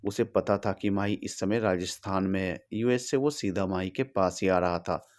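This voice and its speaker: Male storyteller, low voice, steady scripted narration. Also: normal speed.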